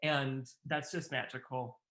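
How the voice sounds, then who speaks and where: A man's voice: mid-range voice, steady tone, measured pace, echoey room. A man hosting an interview over a video call, effusive and full of praise for his guest. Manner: effusive, warmly enthusiastic praise. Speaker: host interviewer.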